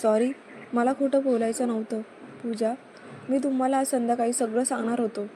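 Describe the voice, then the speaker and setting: A woman's voice: on the high side, steady tone, a little fast, warm tone, slight background noise, lightly acted. A woman reading the part of an earnest, apologetic young man in a story. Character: young man, office worker confessing.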